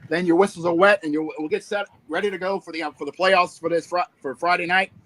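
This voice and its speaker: A man's voice: high voice, steady tone, fast talker, a bit bright, rough recording. A man co-hosting a sports podcast in casual chat, rambling with many restarts and fillers. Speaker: podcast co-host.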